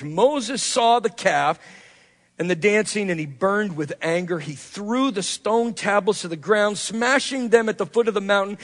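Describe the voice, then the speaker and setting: A man preaching a sermon with a strikingly high-pitched voice. He swings between loud, emphatic lines and quiet, hushed asides. His voice rings out with a long reverb, as in a large hall. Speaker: pastor.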